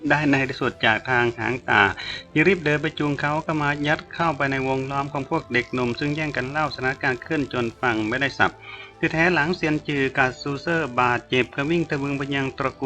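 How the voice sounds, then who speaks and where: Male audiobook narrator, measured storytelling, bright voice, faint music bed. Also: mid-range voice. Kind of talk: scripted narration of a novel.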